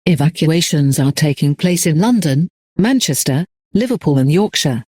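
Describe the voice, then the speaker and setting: Working as a broadcast announcer, a man reads a scripted emergency announcement formally, with measured phrasing. His expressive voice sits a bit higher than most men's and is a little mellow and slightly rough. The recording is very dry, with no room sound at all.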